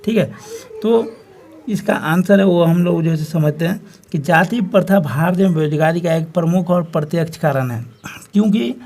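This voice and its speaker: A man's voice: on the high side, normal speed, a little mellow. A man with a Bihari Hindi accent teaching an exam-prep lesson, talking students through answers with constant filler phrases. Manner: repetitive filler phrase, addresses students as friends.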